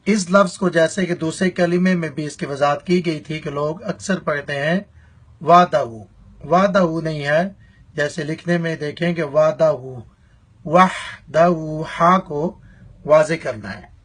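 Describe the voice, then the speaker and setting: A man teaching a recitation lesson, chanting verses slowly and drawn out, then explaining pronunciation briskly. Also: on the high side, breathy edge. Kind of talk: tajweed lesson with slow recitation.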